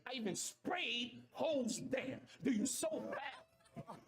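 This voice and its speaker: A man with a high, bright voice rapping along as he reacts to a battle on his stream. He repeats the bars and breaks out in shouts. A loud cheering crowd fills the background. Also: lively intonation, slow pace. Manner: repeats lines with loud outbursts. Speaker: livestream host. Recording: loud crowd noise behind.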